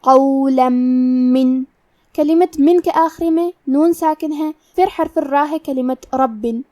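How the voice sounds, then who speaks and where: High-voiced woman teaching Quran recitation rules. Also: fairly even intonation, mellow, no room sound, distant mic. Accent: Pakistani Urdu. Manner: explains each rule step by step, then recites slowly. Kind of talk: tajweed lesson with slow recitation.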